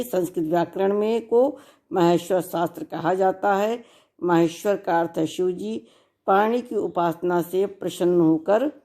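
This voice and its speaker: A woman's voice: medium pitch, mellow. A woman teacher giving a recorded class lesson, patiently dictating answers and repeating key points for students to copy.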